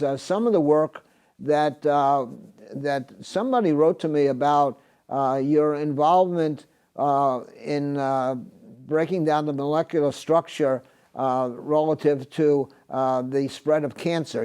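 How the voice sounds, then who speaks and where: An older man hosts an interview on a TV studio set, talking through a lapel mic. His voice is mellow and dark, and he stops often on filler sounds as he searches for words. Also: fairly high pitch, clear, resonant tone. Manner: halting, many filler sounds. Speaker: host.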